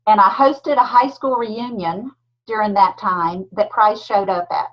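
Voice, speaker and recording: A woman's voice: mid-range voice, measured pace. A woman in her fifties with a thick Southern Georgia accent, telling her story as a guest speaker on a video call. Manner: warm storytelling with a thick drawl. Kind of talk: casual talk on a video call. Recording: dull lo-fi call audio.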